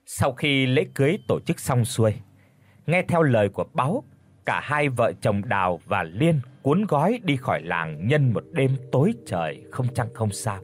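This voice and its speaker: Husky man telling a ghost story. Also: medium pitch, moderate pace. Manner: dramatic, expressive storytelling. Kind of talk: folk ghost story narration.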